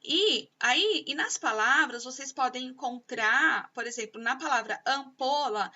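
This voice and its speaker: A woman teacher with a Brazilian Portuguese accent, giving a video lesson for children, explaining slowly and carefully, sounding out syllables. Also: fairly high pitch, pushed and bright, dull audio.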